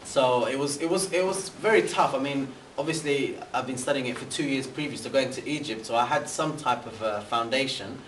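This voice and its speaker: This young adult from Britain, a university student appearing as a guest speaker, sits in a large bannered room indoors and fields questions about his time studying abroad. His mid-range voice is brisk with few pauses, yet he rambles through many fillers and restarts, hands gesturing animatedly. Captured by a far camera, the sound is echoey and distant with faint hiss.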